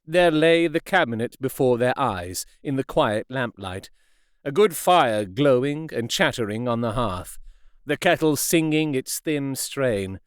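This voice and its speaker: A man narrating a classic novel as an audiobook in a measured, expressive way. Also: mid-range voice, smooth, no room sound, clean studio sound. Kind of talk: scripted narration.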